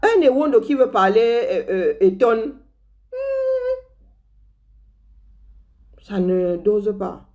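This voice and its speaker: A woman's voice: medium pitch, unhurried, dark tone. Cameroonian woman ranting, sarcastic and scornful, political commentary. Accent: Cameroonian French.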